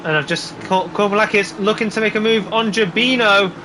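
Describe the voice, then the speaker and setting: A man doing live motorsport commentary, calling the race play by play in an excitable, exclaiming way. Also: high voice, a little fast, background noise. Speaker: motorsport commentator on a sim racing broadcast.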